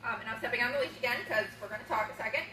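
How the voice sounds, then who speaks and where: A woman's voice: racing, pushed and bright. A woman dog trainer giving an upbeat, instructive demonstration at home, recorded by a camera across the room. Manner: upbeat, instructive, bursts into high-pitched baby talk for the dog. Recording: roomy, distant camera sound, faint room noise.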